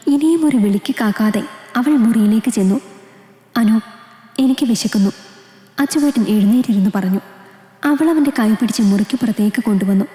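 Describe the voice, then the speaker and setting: Female storyteller, calm scripted reading, slightly high voice, roomy echo. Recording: echoey room, long reverb.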